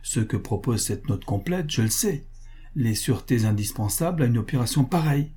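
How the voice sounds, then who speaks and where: A man reading the lines of a cold, ironic male financier with a curt, measured delivery. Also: mid-range voice, lively intonation, mellow, slightly rough.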